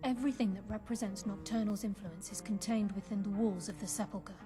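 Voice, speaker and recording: An actress voicing a guarded female thief sworn to secrecy, speaking in a measured, earnest way in a video game. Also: mid-range voice, steady tone, lightly acted. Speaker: game character. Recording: game audio under music.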